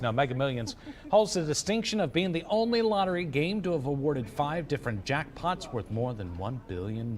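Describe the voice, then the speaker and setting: A man reading news stories as a morning TV anchor, with a lively, expressive delivery. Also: fairly high pitch. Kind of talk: read news copy. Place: TV news studio.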